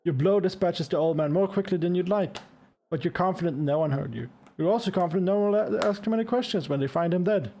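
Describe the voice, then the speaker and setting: A man's voice: high voice, fast talker, hardly any pauses, mellow, slight background noise. A man playing a game, commenting casually and wryly and reading narration aloud in a conversational way.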